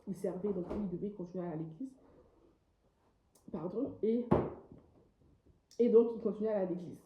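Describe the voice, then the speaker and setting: A young woman telling her personal church testimony in an earnest, halting way, with many fillers and restarts. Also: medium pitch, roomy sound, very noisy. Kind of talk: personal testimony, emotional storytelling.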